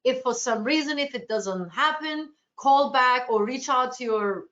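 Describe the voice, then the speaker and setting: Her voice is high and a bit bright, and she keeps a measured pace as she responds to agents in a webinar. The speaker, a Turkish woman presenting cruise sales, repeatedly restarts sentences in a reassuring, accommodating way, captured on lo-fi webinar audio.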